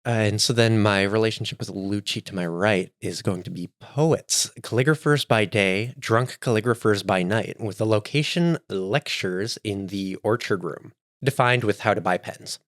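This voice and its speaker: A man's voice: fairly low pitch, normal speed, hardly any pauses, dry recording, clean studio sound. A man introducing his character on a role-play podcast in a casual, laughing way. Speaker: player. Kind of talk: casual chat.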